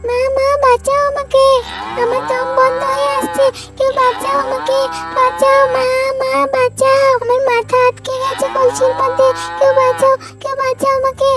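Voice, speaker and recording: A woman voicing a mischievous little child in a storybook doll story, calling out in a high, whiny way. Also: completely flat delivery, moderate pace, music in the background. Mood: panicked. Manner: high childish whining calls.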